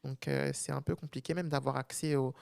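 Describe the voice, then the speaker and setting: A man's voice: mid-range voice, a little fast, gravelly, clean tone, no echo. A young man from France, a fashion content creator guest, talking casually in an interview, with lots of fillers and restarts. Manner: relaxed, many fillers and restarts.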